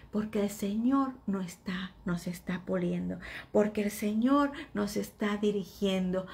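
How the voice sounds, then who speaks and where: Slow, gravelly-voiced woman preaching softly. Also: mid-range voice. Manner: soft and earnest, often dropping to a whisper. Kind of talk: devotional sermon.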